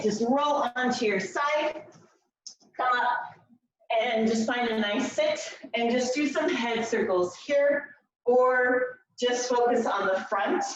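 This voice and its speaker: Echoey, encouraging woman fitness instructor. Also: on the high side. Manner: encouraging coaching with countdowns and step-by-step cues. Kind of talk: instructing a floor workout while demonstrating it. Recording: very echoey room, distant mic, slightly dull.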